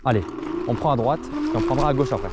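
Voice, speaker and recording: A young adult man vlogs from an electric scooter, chatting casually and enthusiastically in slangy language while riding through streets and forest. His medium-pitched voice swings hugely in pitch and moves fast, with vehicle and wind noise throughout.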